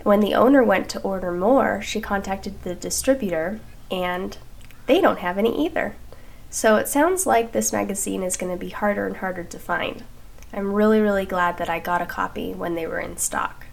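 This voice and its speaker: A woman hosting a podcast, chatting casually and warmly thanking listeners, her voice nasal because she has been sick. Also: mid-range voice, moderate pace, gravelly. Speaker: podcast host. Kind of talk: casual chat.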